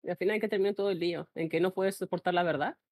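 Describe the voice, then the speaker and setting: A woman's voice: fairly low pitch, steady tone, rapid-fire, a little mellow, no room sound. Blunt ranting woman, Argentine Spanish accent. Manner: blunt, ranting, frequent self-interruptions. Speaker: streamer. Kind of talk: casual live-stream chat.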